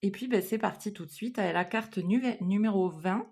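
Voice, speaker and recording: A woman's voice: medium pitch, normal speed, darkish tone. A woman, chatting casually as she reads oracle cards on her channel, with many fillers and self-corrections. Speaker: card reader, channel host. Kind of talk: casual card-reading vlog.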